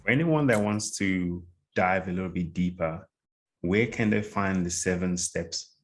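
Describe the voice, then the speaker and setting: Low-voiced man hosting a podcast. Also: measured pace. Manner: agreeable, gives short affirming replies. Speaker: podcast host. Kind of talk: casual interview talk.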